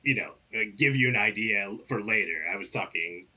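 A man co-hosting a podcast with halting, jokey improvised comedy talk. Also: on the low side, animated, bright, forceful tone, husky. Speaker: podcast co-host. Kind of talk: improvised comedy monologue and banter.

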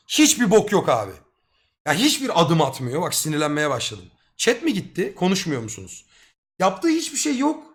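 Young guy streamer telling a story to chat, kinda high voice, curses a lot, gets worked up. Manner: slangy, swears freely, excitable. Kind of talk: casual storytelling to a live chat.

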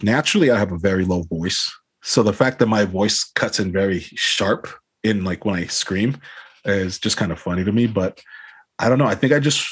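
This man, a band frontman, has a lowish voice with a breathy edge, recorded without echo. In a casual video-call interview he wanders through his answers, cursing freely and padding them with phrases like "you know what I mean."

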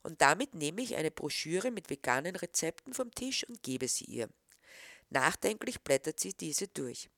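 A woman reading scripted narration in a calm, earnest, reflective way. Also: low-pitched, normal speed, no echo, studio quality.

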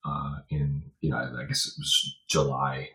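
With an extremely low pitch and vocal fry, this forty-something man from Virginia, USA, reminisces as a podcast guest, rambling casually and saying "you know" a lot. His tone is bright and forceful, his intonation lively, and his pace measured. The room sound is echoey.

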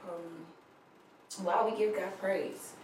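A woman's voice: mid-range voice, fairly even intonation, very slow, darkish tone, slight background noise. A woman from Liberia co-hosting a faith podcast, speaking in casual chat and quoting scripture. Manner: affirming, quotes scripture, laughs often. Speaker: podcast co-host. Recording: distant mic in a very echoey room.

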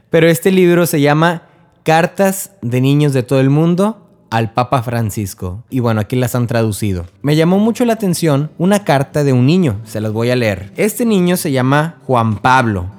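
A man's voice: mid-range voice, lively intonation, moderate pace, darkish tone. A man with a Mexican accent hosting a casual religious podcast, talking straight to the listener in a chatty way. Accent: Mexican Spanish. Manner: chatty, addresses the listener directly. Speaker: podcast host.

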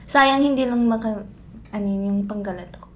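A woman's voice: on the high side, moderate pace. A woman from the Philippines chatting casually as a co-host, giggly and playful. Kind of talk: casual chat.

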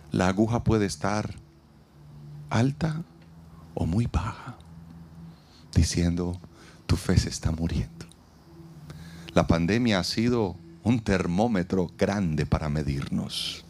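Male pastor: lowish voice, dramatic pauses, acts out quotes, faint noise from outdoors. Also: creaky, darkish tone. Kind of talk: sermon. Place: outdoor event.

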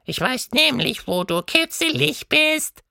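A storyteller putting on the voice of a playful, mischievous male monster in a children's audiobook, speaking in a squeaky, teasing manner. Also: sing-song, takes it slowly, vocal fry, sharp tone, no room sound, studio quality, exaggerated voice. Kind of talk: storybook reading.

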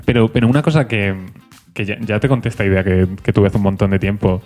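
Joking man, low voice. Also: a little mellow, soft background music. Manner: joking, quick banter, swears freely. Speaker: podcast co-host. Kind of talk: casual chat.

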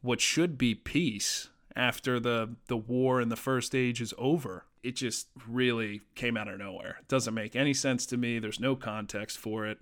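A man's voice: medium pitch, steady tone, normal speed, few pauses, a bit bright. A man hosting a casual spoken review, rambling and conversational with lots of fillers and restarts. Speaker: podcast host reviewing a TV episode.

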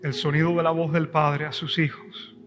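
A middle-aged male pastor preaching a sermon, swelling loud and high at times, then dropping soft. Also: flat delivery, normal speed, music in the background. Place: church service.

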